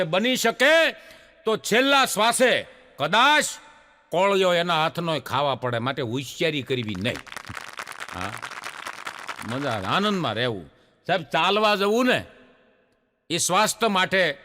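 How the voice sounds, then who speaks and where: A male stand-up comic tells his jokes as little stories and acts out the people in them. His voice sits high and swings widely in pitch, with a bright, sharp tone. The live stage gives it a long hall reverb. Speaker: stand-up comedian. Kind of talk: Gujarati stand-up joke telling. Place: stage before a live laughing audience.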